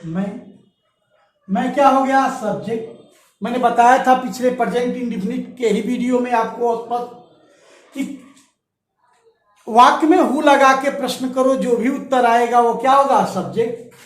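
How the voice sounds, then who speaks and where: A man with an extremely high voice teaches grammar at a moderate pace, pausing often, asking questions he then answers and dictating example sentences word by word. He's recorded from far off in an echoey room.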